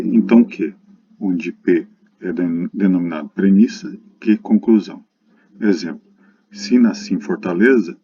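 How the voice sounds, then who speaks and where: In a muffled, dull lo-fi recording, a Brazilian man delivers a math lesson, teaching didactically and talking directly to students. His voice sits low, warm and husky.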